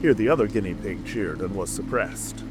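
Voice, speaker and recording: A man's voice: lowish voice, expressive, moderate pace. A man reading a scripted storybook narration as a dramatic audiobook narrator. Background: music.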